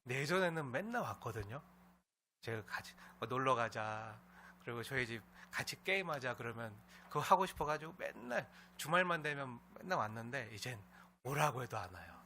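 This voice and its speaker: Bright-voiced Korean pastor preaching. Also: male voice, mid-range voice, expressive, brisk, a little hiss or hum. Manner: warm storytelling with frequent "ne" fillers and scolding imitations. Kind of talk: sermon. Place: church sanctuary with congregation.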